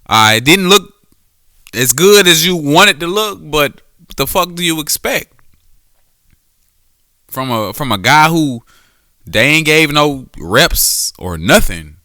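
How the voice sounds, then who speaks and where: This former quarterback turned podcast host speaks at a fairly high pitch, very animated yet slow, pausing often in a pushed, bright tone. Alone on the mic, he riffs on sports casually and profanely, frequently restarting and self-correcting, in a clean studio with no echo.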